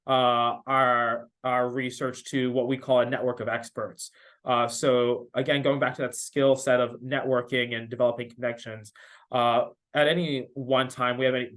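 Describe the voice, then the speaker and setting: A man speaking as a panelist, explaining his workplace in a measured, halting way with frequent filler pauses. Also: medium pitch, fairly bright tone. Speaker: panelist, research institute manager. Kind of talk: informal panel talk, explanatory. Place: online video panel.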